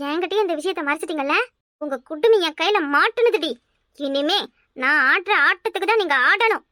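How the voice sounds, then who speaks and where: A woman doing a sly cartoon schemer from the village with a Kanyakumari Tamil accent. Her high voice drawls each threat in a gloating way, and the recording is dry and close. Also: sharp tone, no room sound, exaggerated voice. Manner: slow, gloating. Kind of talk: cartoon voice acting.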